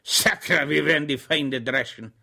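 A man's voice: on the high side, a little slow, creaky, bright, forceful tone, voice pushed up, heavily acted. A man voicing a simple, good-natured, chatty soldier in an audiobook, rambling with naive confidence. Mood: eager.

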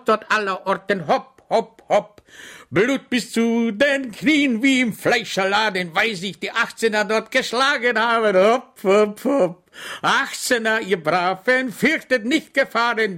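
A man's voice: medium pitch, fairly bright tone. A man voicing a good-natured, bumbling middle-aged soldier, bedridden with rheumatism, who talks with solemn cheer and bellows war songs.

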